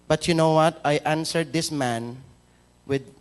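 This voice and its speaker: A man's voice: a little high, takes it slowly, clean tone. A Filipino man preaching a sermon in church, telling a story and asking the congregation questions. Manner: mixes Tagalog and English, storytelling, asks the crowd questions. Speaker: pastor.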